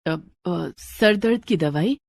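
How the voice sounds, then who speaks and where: A nervous, stammering mother-in-law in a cartoon story, as a woman narrator puts her on. Her voice sits lower than the narrator's and sounds close and dry. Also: animated, moderate pace, darkish tone, breathy edge, dry recording. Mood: sheepish. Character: fretful older mother-in-law, flustered.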